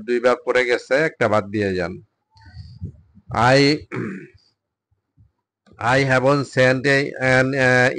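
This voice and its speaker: Slow, steady male teacher. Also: medium pitch, clear, resonant tone, no echo. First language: Bengali. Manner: reads English sentences very slowly, then translates each. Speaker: English teacher. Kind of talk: spoken English drill lesson.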